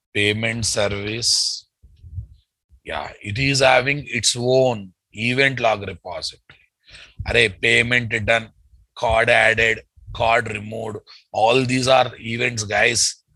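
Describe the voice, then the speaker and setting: Slow, bright-voiced man with Telugu Indian accent, teaching. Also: mid-range voice, fairly even intonation, no echo, rough recording. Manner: repetitive, often addressing students as "guys". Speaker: software trainer. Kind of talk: live technical lecture, drawing and explaining step by step.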